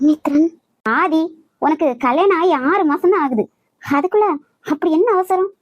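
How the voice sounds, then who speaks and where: Give me a woman playing a soothing middle-aged cartoon mother-in-law with a lowered, gentle voice. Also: normal speed, no echo, muffled recording, soft background music. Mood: chiding. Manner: gentle, reassuring, scolding her son softly.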